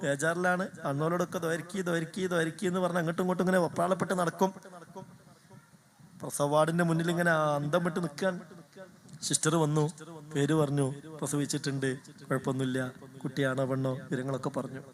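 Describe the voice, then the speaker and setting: A man preaching a sermon, swinging from soft, quick storytelling to slow, chanted Arabic verse. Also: a little high, flat delivery. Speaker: Islamic preacher. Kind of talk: Malayalam sermon.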